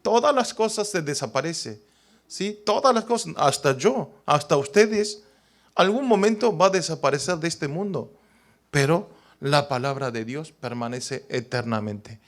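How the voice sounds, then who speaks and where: A pastor, a native Korean speaker, preaching a sermon emphatically and often asking the congregation to confirm. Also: male voice, fairly high pitch, expressive, a little slow.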